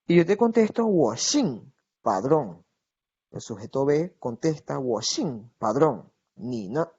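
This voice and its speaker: A man's voice: on the high side, mellow, dull audio. Patient man teaching Mandarin grammar. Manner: patient, explanatory, checks in with "¿verdad?"; slows down to model Chinese phrases. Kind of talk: recorded online grammar lesson.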